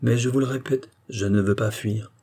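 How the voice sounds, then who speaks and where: A man's voice: mid-range voice, fairly even intonation, moderate pace, warm tone, lightly acted. A man reading a serene, dignified marquis. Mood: solemn resolve. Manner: serene, solemn, firm declamation. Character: calm, dignified royalist marquis facing death. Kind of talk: audiobook character reading.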